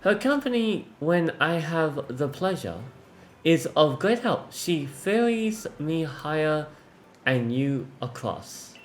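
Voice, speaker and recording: A man reading aloud the lines of a calm, wise old woman sage, slow and soft, with a lively pitch. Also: a little hiss or hum. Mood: calm, reflective. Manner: reads slowly and softly, measured. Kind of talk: reading game dialogue aloud.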